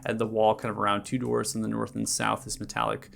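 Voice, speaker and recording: A man serves as game master, narrating a tabletop fantasy adventure. His voice sits on the low side with a clearly gravelly creak, and he describes scenes dramatically. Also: little pitch movement, fast, a bit bright.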